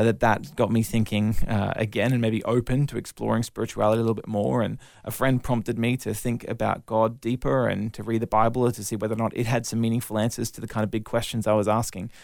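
An Australian man in his thirties, an evangelist, telling his life story in a relaxed interview with a self-deprecating, articulate manner. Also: fairly low pitch, vocal fry, no room sound, clean studio sound. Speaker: guest, evangelist.

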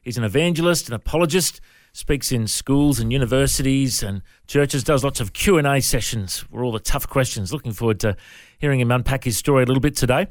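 Quick-talking male interview host. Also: mid-range voice, dry recording, clean studio sound. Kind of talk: casual interview hosting.

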